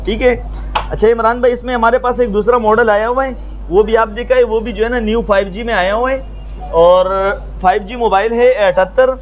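A man in his thirties with a Pakistani accent speaks in a notably high voice. He pitches like an eager phone shop salesman talking to camera, repeating key selling points in practised patter. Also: fairly even intonation, moderate pace. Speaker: mobile phone shop seller. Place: small open-fronted mobile phone shop stall.

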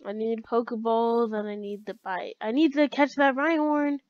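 Woman gamer host, high voice, chatty self-talk over play, muffled lo-fi recording. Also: normal speed, dry recording. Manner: chatty, talks to herself and to game characters. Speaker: gaming channel host. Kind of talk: let's play commentary.

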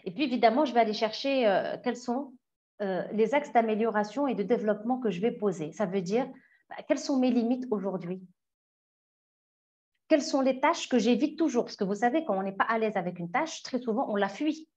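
A woman coach leading an online self-knowledge workshop, lively and asking many questions. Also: on the high side, brisk. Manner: warm, lively, asks the audience many questions. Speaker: personal development coach. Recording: dull lo-fi audio.

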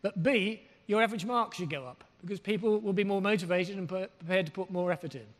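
A man's voice: high-pitched, fast talker. An older man giving a workshop keynote on a lapel mic, blunt and emphatic. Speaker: keynote speaker. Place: large hall with audience. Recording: long hall reverb.

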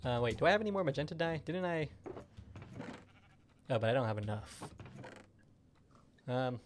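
On a live stream, a man offers casual commentary on his game, chatting and thinking out loud as he plays. His voice is at a typical male pitch, expressive and at normal speed, with slight background noise.

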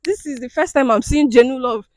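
Laughing high-voiced Nigerian woman host. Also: brisk, darkish tone, dry recording. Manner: laughs often, exclaims to God, Pidgin asides. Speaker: prank show host. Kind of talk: excited street prank chat.

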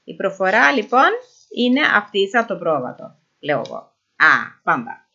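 A woman giving an informal pronunciation lesson who sounds out vowels slowly and repeats them. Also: medium pitch, sing-song, creaky, sharp tone. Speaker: language teacher. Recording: dull lo-fi recording.

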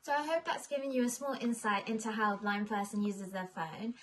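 A woman's voice: medium pitch, steady tone, brisk, a little hiss or hum. Young woman explaining to camera. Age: young adult. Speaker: presenter demonstrating phone accessibility. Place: living room indoors, on a sofa.

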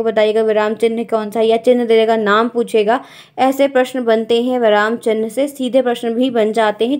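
A woman's voice: a little high, a little mellow. A woman teacher, giving an exam-prep grammar lesson and explaining step by step while checking in with her students.

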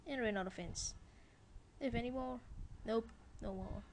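A woman's voice: on the high side, a little slow, slight background noise. A woman giving casual let's-play commentary, chatting to viewers as she plays. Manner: chatty, talks to viewers while playing. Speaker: gameplay commentator.

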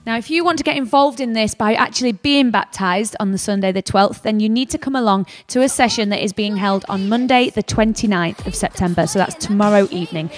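A woman's voice: medium pitch, brisk, hardly any pauses. A young woman presenting church news announcements into a handheld mic in a church café, upbeat and inviting. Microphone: handheld microphone. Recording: music bed behind voice.

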